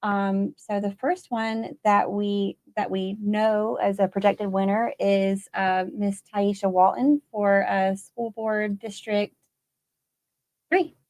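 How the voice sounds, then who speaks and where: A woman's voice: mid-range voice, fairly even intonation, takes it slowly, darkish tone. A woman co-anchoring live election night coverage, reading out results hesitantly with many fillers.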